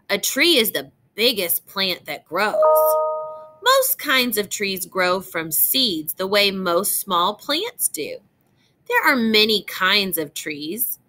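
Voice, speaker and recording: With a medium-pitched voice, a female teacher reads a picture book aloud to little children. She's expressive and crisp in her diction, breaking off to explain parts of the story and ask questions.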